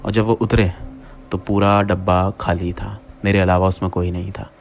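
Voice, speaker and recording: A man telling a first-person horror story, often addressing his listeners as friends and pausing for drama. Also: low voice, little pitch movement, faint music behind.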